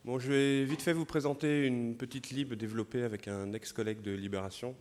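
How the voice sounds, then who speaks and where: A man's voice: medium pitch, fairly even intonation, fairly quick, a little mellow, slight background noise. A man with a French accent giving a conference talk, explaining a live code demo step by step with fillers. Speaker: conference speaker.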